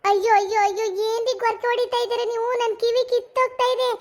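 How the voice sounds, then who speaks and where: A woman voicing a sharp-tongued, fed-up young daughter-in-law in a cartoon comedy, snapping back in exasperation. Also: very high-pitched, steady tone, racing. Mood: exasperated.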